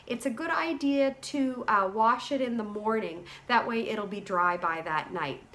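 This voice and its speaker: A woman in her forties explains step by step, chatty and down to earth, often doubling words for emphasis. Her voice sits a touch high. She is seated in a small room, talking straight into a webcam. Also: measured pace, fairly bright tone. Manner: chatty, practical, repeats for emphasis. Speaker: sleep clinic CPAP educator. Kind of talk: casual how-to demonstration.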